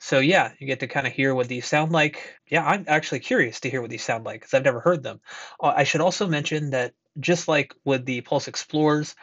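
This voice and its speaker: A man speaks through a bluetooth headset mic, the sound dry and close with no room around it. His talk is relaxed and rambling, full of fillers, at an ordinary middle pitch. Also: no room sound. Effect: heard through earbud and headset mics. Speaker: tech reviewer. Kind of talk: casual mic test talk.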